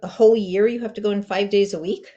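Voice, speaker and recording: A woman's voice: medium pitch, fairly even intonation, fast talker, dark tone, dull audio. A woman moderating a support group over a video call, chatty and wry, asking the others questions. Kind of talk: casual chat.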